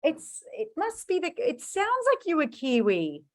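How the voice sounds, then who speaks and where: A woman with a South African accent, working as a business coach, hosts an informal online book club class. Her high voice swoops wildly in pitch at an unhurried pace, and she stresses key points emphatically.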